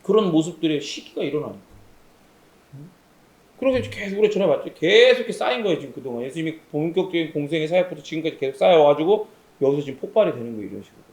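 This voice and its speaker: A man's voice: a little high, very fast, reverberant. A man preaching a sermon at a camp, questioning his listeners and calling on them by name. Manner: animated preaching, asks the audience questions and calls on listeners. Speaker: pastor. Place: camp meeting room.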